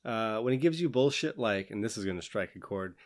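A young man co-hosting a casual podcast chat. He reads prompts from a list in a relaxed way and laughs often. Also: on the low side, brisk. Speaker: podcast co-host.

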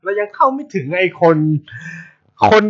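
Man from thailand, podcast host, blunt and sweary, lively up-and-down pitch, slightly high voice. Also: moderate pace. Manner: blunt, swears a lot, animated. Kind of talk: casual storytelling chat. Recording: dull lo-fi sound.

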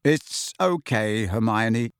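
A man voicing a guarded, short-tempered teenage boy who speaks in a measured, curt way. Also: lowish voice, clear, resonant tone, dry recording, studio quality. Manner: flat and measured, turning curt.

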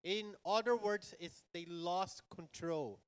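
Church interpreter, male, slow and smooth, fairly high voice. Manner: rephrases the preacher line by line, with small grammar slips. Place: church hall.

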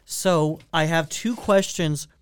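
A man's voice: fairly high pitch, slow pace, a little hiss or hum. A man hosting a casual podcast chat, explaining a trivia game with lots of ums and uhs. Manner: rambling, many ums and uhs. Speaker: podcast host running trivia.

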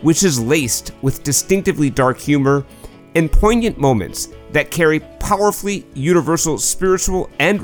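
Lively-voiced male podcast host. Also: on the high side. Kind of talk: scripted intro then interview.

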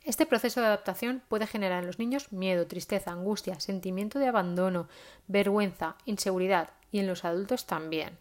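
A woman's voice: mid-range voice, fairly quick. A woman, giving parenting advice in a casual, chatty monologue with frequent "¿vale?" tags. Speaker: parenting vlogger.

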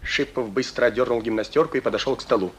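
A man calmly reading the stage directions as narrator of a radio drama. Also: mid-range voice, quick pace, slightly rough, poor audio.

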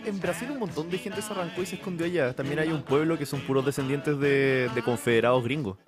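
A man's voice: fairly high pitch, fast talker, music in the background. A man with a Chilean accent making laid-back, wry comments in a casual podcast chat. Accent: Chilean Spanish. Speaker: podcast co-host.

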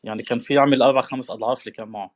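A man with a Levantine Arabic accent speaks in a casual, conversational way. He races through his words at an extremely fast pace, with an average male pitch. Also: fairly even intonation. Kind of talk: casual chat about crypto markets.

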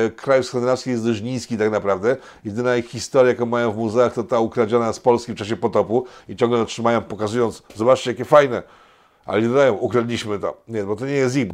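A man delivers a sardonic commentary monologue as host of his own show. His delivery is mocking and rambling, full of hesitant fillers, at a middling pitch for a man. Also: a little mellow.

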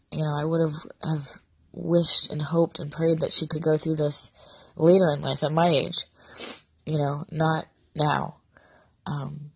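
A middle-aged woman, sick and nearly voiceless, speaks to followers in a raspy whisper, halting, subdued and sincere, in a confessional casual monologue. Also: low-pitched, no room sound. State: sick with sore throat, voice almost gone. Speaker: vlogger addressing followers.

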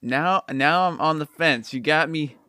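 Jokey man, smooth clear voice. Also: on the high side, a little slow, pushed and bright, no echo, clean studio sound. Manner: jokey, playful, overthinks aloud. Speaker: podcast co-host. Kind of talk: casual podcast chat.

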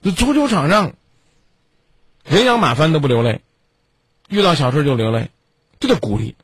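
A stern male radio advice host with a very husky, rough voice that swings widely up and down in pitch. He lectures a caller with pointed questions. The sound is dry and close, with no room echo. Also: big pitch swings, normal speed. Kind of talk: call-in advice talk.

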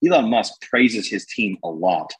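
Young guy on a podcast, husky, super high energy, lots of likes and bro. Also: measured pace, poor audio. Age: young adult. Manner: energetic, rambling with many fillers and slang. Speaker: guest entrepreneur. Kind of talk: podcast conversation.

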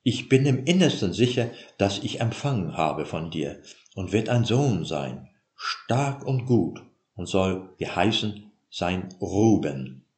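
A man voicing a hopeful young wife, speaking slowly and earnestly. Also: low voice, sing-song, a little mellow, exaggerated voice. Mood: tender. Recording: roomy echo.

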